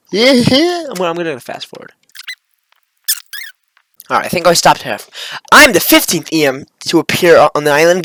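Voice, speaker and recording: Forceful and bright at a medium pitch, this amateur visual novel maker and video creator works through their own script, tripping up and fixing mistakes along the way. Slangy, offhand comments slip in, and there's no echo.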